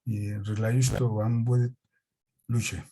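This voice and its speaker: A man with a foreign accent giving an academic presentation in a language that is not his native one, haltingly and searching for words. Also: on the low side, level tone, mellow, slightly rough. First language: not Russian. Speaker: conference presenter.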